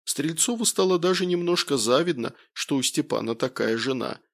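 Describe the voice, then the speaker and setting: A man narrating an audiobook in a steady, even reading voice. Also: a little high, normal speed.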